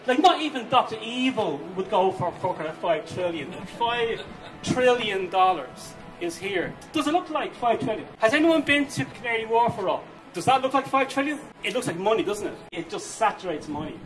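Sarcastic guy with a high voice, swears, far from the mic, some music behind. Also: sing-song, moderate pace, fairly bright tone. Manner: sardonic, swearing.

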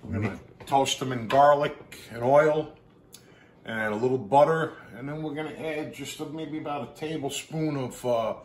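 Working in a home kitchen, a middle-aged chef and cooking show host talks through his dish step by step in a relaxed, informal way. He speaks at normal speed in a medium-pitched voice with a darkish tone. Cooking sounds, sizzling pans and general kitchen noise surround him.

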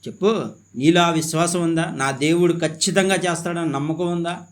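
A man's voice: a little high, steady tone, moderate pace. A man preaching a sermon in a fervent way, repeating phrases and putting questions to his listeners.

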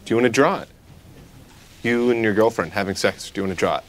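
A man's voice: on the low side, fast, a little hiss or hum, lightly acted. An actor playing a pushy, childish, shameless male office boss in sketch comedy, insistent and petulant. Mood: smug, pushy.

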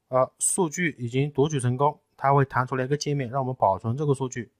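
A man in a technical tutorial, explaining each step patiently and often pausing with fillers. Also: medium pitch, steady tone, no echo. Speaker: tutorial presenter. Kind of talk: screen-recorded technical tutorial.

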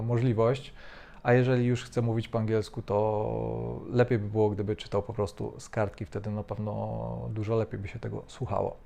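Male host, measured language-coach commentary, gravelly dark voice. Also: medium pitch. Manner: measured, critical, with frequent hesitations.

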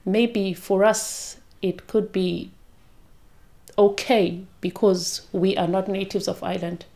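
A woman from Zimbabwe speaking in a documentary interview, slow and deliberate with some hesitation. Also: medium pitch, fairly even intonation, dark tone. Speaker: community member.

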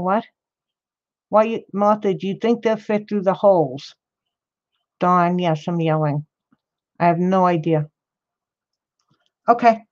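Lady chatting slow on her craft livestream, kinda muffled lo-fi sound, answers chat as she goes. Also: a little high, a little mellow. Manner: chatty, rambling, talks to viewers in chat by name. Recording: slightly dull lo-fi stream audio.

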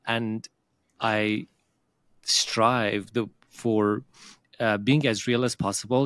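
Low-voiced host guy, kinda halting, lots of ums, dry close sound. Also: dry recording. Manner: hesitant, halting, many fillers and restarts. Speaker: podcast host. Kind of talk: casual conversational interview.

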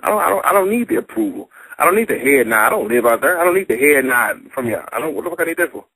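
A man's voice: medium pitch, animated, very fast, bright, forceful tone, slightly rough, no room sound, poor audio. A young man from St. Louis with a St. Louis accent, arguing brashly and boastfully, full of profanity, as a battle rapper in a heated casual debate.

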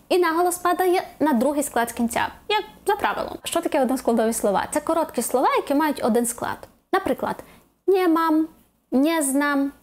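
Woman teaching a language lesson, high voice. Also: a little mellow. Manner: clear, explanatory, slows to spell out example words. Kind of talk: video lesson explaining stress rules.

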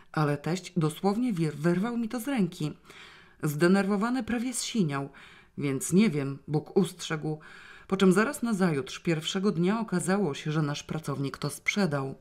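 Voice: medium pitch, darkish tone, lightly acted. A reader voicing a frightened antiquarian's son-in-law who talks anxiously and apologetically in an audiobook. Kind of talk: audiobook reading.

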